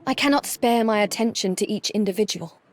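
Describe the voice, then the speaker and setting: A woman playing a stoic, duty-bound valkyrie goddess in a video game, speaking formally and with measured detachment. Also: mid-range voice, a little hiss or hum, close to an everyday voice. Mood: solemn, detached. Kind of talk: video game cutscene acting.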